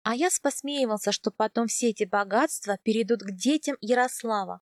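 A woman narrating a first-person audiobook in a calm, measured way. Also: fairly high pitch, no echo, clean studio sound.

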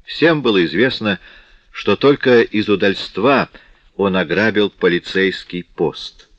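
A man narrating an audiobook of a classic novel in a measured, dramatic reading. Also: fairly low pitch, no echo. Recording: dull dry lo-fi audiobook recording.

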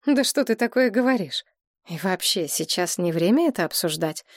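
A composed young heiress, voiced by a woman reader who speaks firmly and deliberately. Her voice sits slightly above the narration and is recorded dry. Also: lowish voice, expressive, no room sound. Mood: tired.

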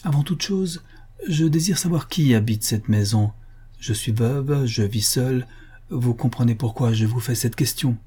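A man reading the part of a reserved young widow, asking careful, polite questions in a measured way. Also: mid-range voice, dark tone, breathy edge. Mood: guarded.

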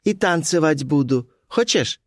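A man's voice: animated, measured pace, no echo. A man voicing a mysterious, teasing young woman who talks in short, broken phrases, recorded in a dry space. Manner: high, clipped, broken phrases.

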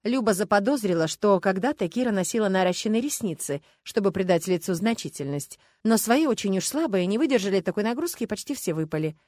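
A woman reading an audiobook in lively, ironic scripted narration. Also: mid-range voice, fast, few pauses, dry recording, clean studio sound.

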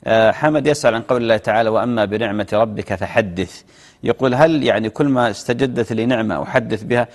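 Man, tv sheikh, quick delivery, reverberant studio. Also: medium pitch, fairly even intonation. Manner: measured explanations, chanting demonstration phrases. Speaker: TV fatwa show sheikh answering questions. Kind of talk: religious Q&A, explaining rulings.

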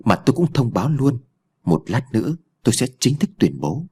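A man's voice: mid-range voice, sing-song, a little fast, warm tone, slightly rough. A man voicing a haughty, scheming young rich woman who mocks and bosses others in an audio story. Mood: taunting. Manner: mocking, domineering.

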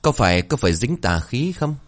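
A man's voice: mid-range voice, very animated, brisk, voice pushed up, lightly acted. A male narrator voicing a cowardly young helper who speaks nervously. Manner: nervous, gulping.

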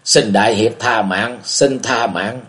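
A man's voice: lowish voice, takes it slowly, fairly bright tone. A man reading an audiobook, voicing a frightened village woman in her forties who pleads and speaks with fear. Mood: pleading. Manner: fearful, pleading.

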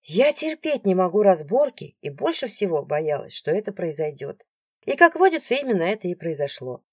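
A woman narrating a novel in the first person, emotional and expressive. Her pitch moves a lot through each line. The sound is close and dry with no room. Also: moderate pace, husky, no room sound. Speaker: audiobook narrator.

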